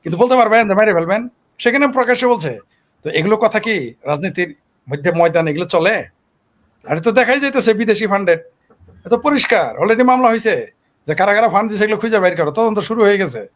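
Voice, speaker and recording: Combative high-voiced Bangladeshi man. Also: expressive, quick pace. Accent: Bangladeshi Bengali. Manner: combative, fires rhetorical questions. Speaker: political commentator. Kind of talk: heated political talk-show commentary.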